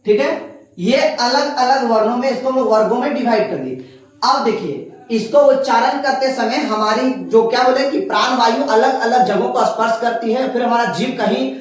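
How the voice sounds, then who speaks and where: Patient woman teacher sounding out letters one by one, voice heard from a distance in a booming, echoey room. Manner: patient, explains step by step, sounds out letters slowly. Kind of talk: classroom lesson.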